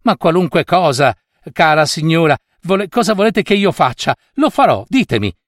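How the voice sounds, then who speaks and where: A man's voice: on the high side, sing-song, normal speed, dry recording, studio quality, pitched above the performer's own voice. A man doing a vain, whiny young girl. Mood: eager. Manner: whiny, self-pitying complaints.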